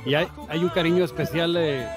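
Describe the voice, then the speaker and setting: An older man from Jalisco with a Mexican accent, a songwriter talking earnestly in a casual interview, full of restarts, seated outdoors in a garden. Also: a little high. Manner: earnest, halting with many restarts. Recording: music playing behind.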